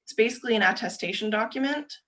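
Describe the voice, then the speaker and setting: A young adult woman giving a quick, chatty webinar presentation over a video call, explaining steps with frequent ums and uhs. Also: on the high side, a bit bright. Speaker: presenter for a government agency.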